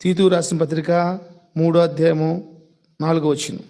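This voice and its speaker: High-voiced man preaching with rhetorical questions. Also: level tone, moderate pace, dark tone. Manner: asks repeated rhetorical questions; addresses listeners directly and fondly. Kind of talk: sermon.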